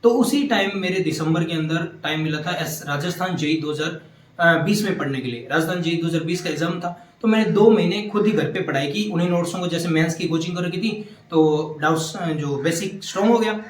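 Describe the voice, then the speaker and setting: A man's voice: on the high side, brisk, roomy sound, slight background noise. A young man from Rajasthan, a government engineer, giving earnest motivational exam advice, repeating his points and mixing in English terms. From Rajasthan, India. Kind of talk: motivational talk.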